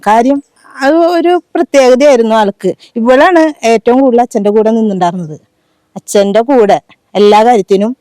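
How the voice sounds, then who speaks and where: A woman interviewed about a student in her family, talking casually and haltingly, with restarts. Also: a little high, warm tone, no echo.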